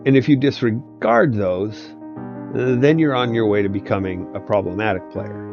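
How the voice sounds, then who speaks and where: A man's voice: on the low side, normal speed. A man who runs tabletop games, giving meandering casual advice with many hesitations and restarts. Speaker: tabletop game master and video host. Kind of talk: casual rambling advice talk. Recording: dull lo-fi sound with faint background music.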